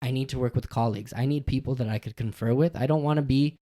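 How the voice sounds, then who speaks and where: A laid-back man co-hosting a podcast, chatting casually with lots of slang and filler words. His voice sits at an ordinary pitch with a mellow, darker tone. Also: quick pace. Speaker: podcast co-host. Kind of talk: casual chat.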